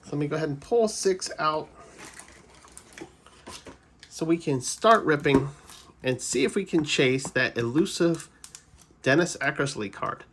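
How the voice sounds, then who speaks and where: A man's voice: on the high side, lively intonation, a little slow, pauses often, a bit bright, a little hiss or hum. Chatty man ripping card packs. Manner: chatty, rambling trivia asides with self-corrections. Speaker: card-collecting channel host. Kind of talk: casual pack-opening commentary.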